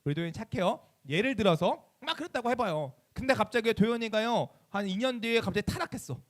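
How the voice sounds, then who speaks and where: A high-voiced man gives a quick, animated youth sermon in a church chapel. His pitch swings widely as he fires question after question at his listeners and answers them himself. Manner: animated, asks the audience many questions and acts out quoted voices. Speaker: youth pastor.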